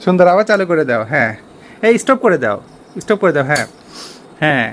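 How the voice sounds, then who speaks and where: A woman with a slightly low voice chats casually to viewers from her home at night. She keeps coaxing and cheering on her young daughter in a gentle, encouraging way. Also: sing-song, a little fast, a little hiss or hum. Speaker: mother showing her vintage cassette player. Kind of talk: casual home video narration.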